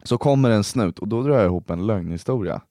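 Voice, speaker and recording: A man's voice: on the low side, lively intonation, dark tone, no room sound, clean studio sound. A young man casually telling a long story as a podcast co-host, laughing often and swearing freely.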